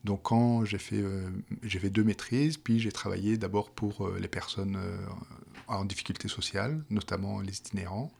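A middle-aged Parisian man, a project manager for a provincial health plan, explains his work in an interview, hesitating and restarting often. His voice is lowish and gravelly, a little mellow with a breathy edge, and he keeps a steady tone at a normal speed.

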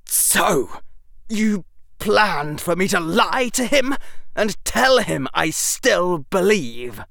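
A reader voicing a proud young wizard boy, his voice trembling and shouting with rage. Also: medium pitch, very animated, slow pace, vocal fry, no room sound, voice pushed up, exaggerated voice. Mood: enraged. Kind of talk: audiobook character reading.

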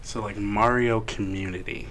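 A man's voice: fairly low pitch, fairly even intonation, normal speed, a bit bright, a little hiss or hum, low-quality recording. A man co-hosting a show with casual banter, playful and mock-formal in his delivery. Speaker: show co-host.

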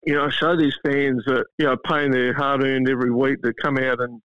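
A man with an Australian accent chatting casually about sport as a guest pundit, in a halting way with many "you knows". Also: medium pitch, flat delivery, clean tone, no echo. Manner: halting, full of "you know". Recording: dull, band-limited radio-like sound.

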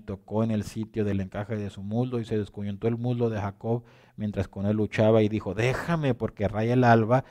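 A man preaching a sermon, reading scripture aloud and repeating phrases as he swings between quiet and loud passages. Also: on the low side.

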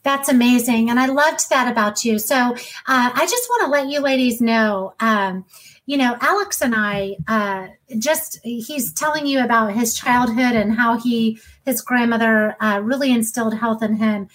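A woman in her thirties hosting a podcast in an enthusiastic, warm way, with frequent ums. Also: a little high, normal speed, poor audio. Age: 30s. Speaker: podcast host. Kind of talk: casual podcast talk.

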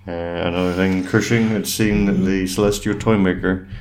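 A man's voice: low-pitched, level tone, normal speed, a little mellow, a little hiss or hum. Dry, teasing male podcast co-host. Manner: dry, teasing banter with frequent laughs. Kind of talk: casual chat.

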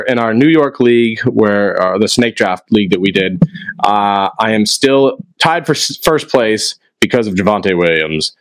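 A man's voice: medium pitch, no room sound. A young man co-hosting a fantasy football podcast, ranting and swearing in casual chat. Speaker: podcast co-host.

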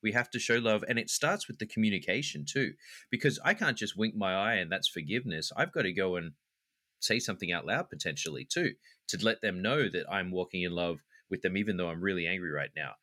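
A man's voice: deep voice, animated, a little fast, pushed and bright, no echo. A man co-hosting a faith talk, reflective and practical as he talks through how to handle anger. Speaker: podcast co-host. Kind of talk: faith-based conversational talk.

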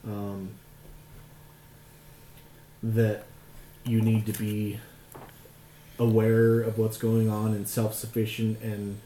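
On a podcast, this middle-aged man from rural Utah in the United States speaks slowly in a fairly low, monotone, dark-toned voice, pausing often. He's chatting casually but picks his words with hesitation, and the room adds an echo along with noticeable background noise.

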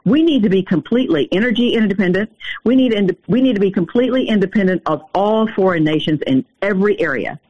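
A man's voice: sits high, lively intonation, quick pace. A man running for the U.S. Senate, heard over the phone in an interview and making his case in an urgent, emphatic way. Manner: urgent, emphatic campaign talk. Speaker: U.S. Senate candidate. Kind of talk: political interview. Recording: dull, lo-fi phone line.

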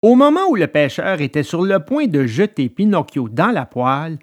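A man narrating a children's storybook episode with expressive delivery. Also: on the high side, normal speed. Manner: expressive, lively. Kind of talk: storybook reading.

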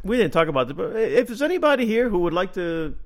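A man co-hosting a casual podcast, enthusiastic and quick to agree, with many you-knows. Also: sits high, sing-song, faint music behind. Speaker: podcast co-host.

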